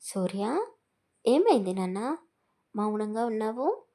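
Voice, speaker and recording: A doting grandmother over 60 in a spoken storybook, all caring, fussing questions, as a woman narrator puts her on. Her voice sits a bit raised and louder, with a warm, mellow color. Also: a little high, very animated, slow, heavily acted. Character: affectionate old grandmother, fussing.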